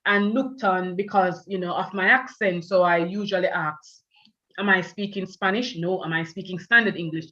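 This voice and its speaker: A Jamaican-accented woman hosts an online panel, speaking loosely with lots of "you know" fillers. Her mid-range voice sounds sharp, and the recording has its highs cut off.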